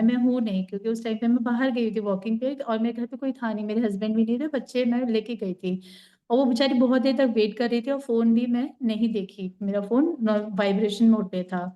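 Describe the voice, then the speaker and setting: Woman w/ a higher voice talking thru a personal story on a video call, thoughtful. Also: dark tone, muffled recording. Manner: reflective, conversational storytelling. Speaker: group participant sharing a story. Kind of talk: casual chat on a group call.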